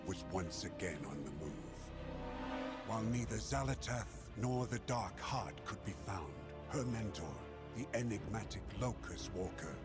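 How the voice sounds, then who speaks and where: A man giving grave scripted narration for a game cinematic over a loud orchestral score. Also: deep voice.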